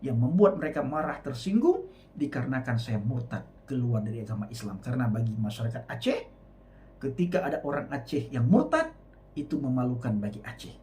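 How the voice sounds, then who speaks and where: Animated man preaching his testimony. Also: mid-range voice, fairly quick, a little hiss or hum. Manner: emphatic, addresses listeners often.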